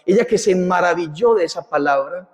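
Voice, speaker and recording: A man's voice: high voice, a little fast. A man preaching a sermon as a parish priest, impassioned and repetitive, with rhetorical questions. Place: church. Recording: long church reverb.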